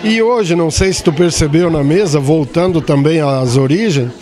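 A man's voice: a little high, normal speed. A man in his fifties, a farm owner, answering an on-site interview with many hesitant fillers. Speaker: farm owner hosting the event. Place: indoor hall at a farm event. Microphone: handheld mic held by interviewer. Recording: crowd chatter behind.

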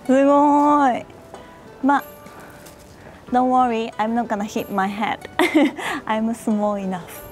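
A woman's voice: fairly high pitch, fairly even intonation, slow, pauses often, a little mellow, soft background music. A woman making a casual walking vlog outdoors at a temple, out of breath from climbing steps, exclaiming often and laughing as she searches for words. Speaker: travel vlogger.

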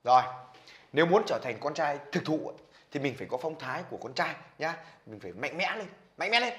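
A man playing a loud, bossy young coach. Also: fairly high pitch, a little fast. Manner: loud, bossy, animated scolding. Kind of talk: comedy skit acting.

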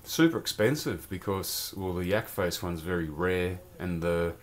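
A man's voice: low-pitched, measured pace. A man casually reviewing a collectible toy in a rambling, chatty vlog from his home beer cellar. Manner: chatty, rambling, loose slang.

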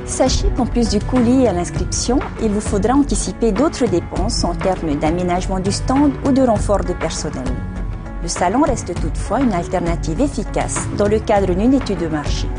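A woman in her forties hosting a business show, presenting a script with a smooth, steady delivery on a lapel mic. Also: medium pitch, moderate pace, over music. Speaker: show host.

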